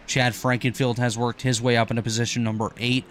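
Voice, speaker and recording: A man calling an online racing broadcast as play-by-play commentator, talking quickly and correcting himself on the fly. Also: mid-range voice, a little hiss or hum. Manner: rapid, energetic play-by-play with quick self-corrections.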